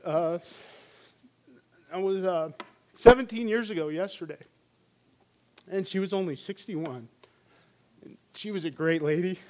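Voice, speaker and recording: Brief: a middle-aged male chaplain preaching, high and unhurried, chatty with fillers. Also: a little mellow, slight background noise. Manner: joking and storytelling with frequent fillers. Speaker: hospice chaplain. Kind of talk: sermon.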